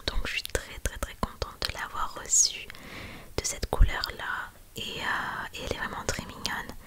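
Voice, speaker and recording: A young adult woman speaking in a hushed, library-quiet whisper, presenting items in a soft ASMR style. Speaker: ASMR video creator.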